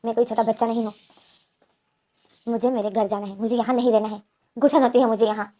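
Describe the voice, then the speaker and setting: A stubborn, bedridden young man, as a woman storyteller puts him on snaps back in curt, demanding lines. The voice sits fairly high, with a mellow tone. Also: fairly even intonation, fast, close to an everyday voice.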